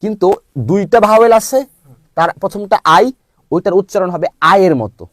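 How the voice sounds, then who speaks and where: Lively high-pitched phonics teacher. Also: male voice, no echo. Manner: spells letters slowly then says the word. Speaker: English pronunciation teacher. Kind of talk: slow spelled-out phonics lesson.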